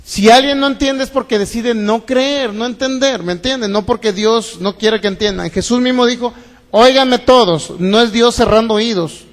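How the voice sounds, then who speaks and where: A man preaching from the pulpit in a strikingly high voice. He keeps turning to the congregation with rhetorical questions, and his words ring on in a long hall reverb. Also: normal speed. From Mexico. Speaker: pastor. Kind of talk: sermon. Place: church hall.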